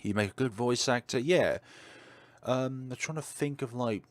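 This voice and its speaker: A man with a deep voice, chatting casually on a livestream with lots of fillers and a slight stutter. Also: normal speed, no room sound. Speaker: streamer.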